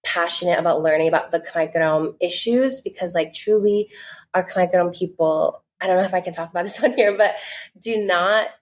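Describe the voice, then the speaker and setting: This podcast guest, a content creator from the US in her 20s, keeps a moderate pace in a voice on the low side. The interview is casual, and she comes across as earnest and chatty, full of "like" fillers.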